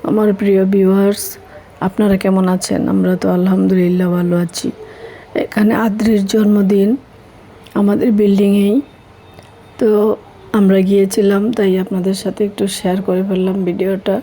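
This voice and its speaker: A middle-aged woman with a slightly hoarse voice, chatting easily and rambling as she talks to her viewers. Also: medium pitch, little pitch movement, moderate pace, poor audio. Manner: easygoing, rambling, warm well-wishing to viewers. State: hoarse at night. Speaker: vlogger. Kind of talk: casual vlog narration.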